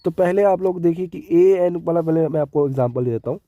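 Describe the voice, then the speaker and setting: A man with a Hindi accent teaches an English grammar lesson step by step, repeating key words and constantly checking in with "ठीक है". His voice is a little high and brisk, and the recording is muffled with no room sound.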